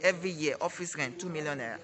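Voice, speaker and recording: In his twenties, a Nigerian man with a Nigerian accent delivers an emphatic, preachy testimony during an interview as a network marketing director. His voice is a little high and fast, with crowd noise in the background.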